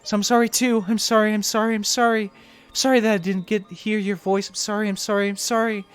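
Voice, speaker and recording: A man's voice: high voice, fairly quick, faint music behind, close to an everyday voice. A man reading a visual novel aloud, voicing a teenage girl sliding into curse-driven madness with frantic repeated pleading. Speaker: let's play reader voicing all parts.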